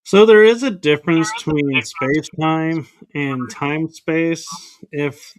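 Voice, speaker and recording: A man's voice: on the high side, takes it slowly. A man, a guest on a podcast, speaking over a video call and explaining ideas earnestly, step by step. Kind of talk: casual explanation in an interview.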